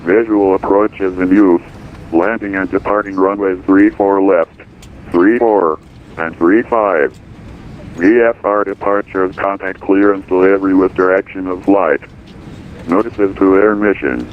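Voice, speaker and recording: Low male airport weather broadcast voice. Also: unhurried, slight background noise. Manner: formal, even recitation of codes and numbers. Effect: airport weather broadcast over radio. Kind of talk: recorded automated information broadcast. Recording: tinny radio-band audio.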